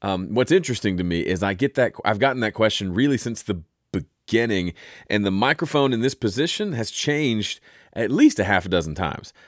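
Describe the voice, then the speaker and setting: A man with a deep, resonant voice hosting an audio software tutorial in a relaxed, chatty way. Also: a little fast, dry recording, clean studio sound. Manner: relaxed, chatty, self-interrupting. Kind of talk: casual spoken tutorial.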